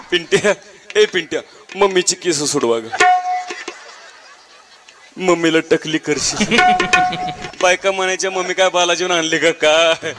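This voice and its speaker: Comic folk stage: a man playing a high-voiced, boastful village mother, sing-song and coaxing, with loud tabla behind. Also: natural voice. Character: boastful doting village mother with oversized grown baby. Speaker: bharud folk performer. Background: tabla and folk music.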